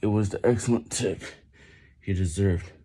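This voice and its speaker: A man's voice: lowish voice, normal speed, warm tone. A man reading a book aloud while doing push-ups, stumbling over and repeating words under the physical effort. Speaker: vlogger reading on camera.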